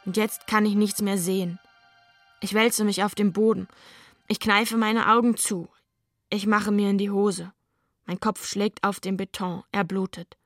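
A woman's voice: medium pitch, fairly even intonation, unhurried, no echo, clean studio sound, faint music behind, natural voice. Woman narrating as a troubled young boy. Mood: numb. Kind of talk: scripted radio drama narration.

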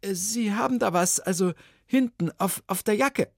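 A man's voice: sits high, measured pace, vocal fry, dry recording, clean studio sound, pitched above the performer's own voice, exaggerated voice. A man reading a children's story, voicing a flustered young female assistant who stammers and hesitates. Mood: stammering.

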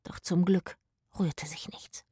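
Eine Frau, die ruhig eine Kinderhörgeschichte vorliest. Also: female voice, fairly low pitch, slow pace, husky, no room sound, whispered, clean studio sound. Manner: calm, storytelling. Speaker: narrator. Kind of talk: children's audiobook narration.

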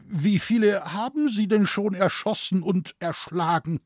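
Man voicing a naive schoolmaster, fussy, easily shocked, higher voice, dry close sound. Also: sing-song, a little slow, breathy edge, no room sound, full character voice. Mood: anxious. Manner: fussy, stammering, proper speech.

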